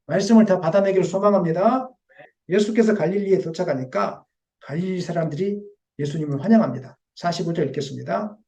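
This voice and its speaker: A man preaching a Sunday sermon as pastor, animated and rising, then dropping to quiet confession, and sometimes acting out the voices he quotes. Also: high voice, fast talker, vocal fry. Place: church sanctuary.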